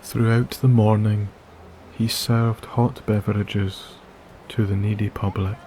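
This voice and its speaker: The narrator is a man reading a sleep story in a soft, low, almost monotone voice. Long pauses break up his very slow, soothing speech, and a constant hiss sits beneath the wilderness sounds.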